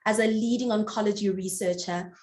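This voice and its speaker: A woman's voice: mid-range voice, fairly even intonation, a little mellow. South African woman moderating, echoey room. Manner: halting, with restarts and fillers. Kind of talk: moderating a panel webinar.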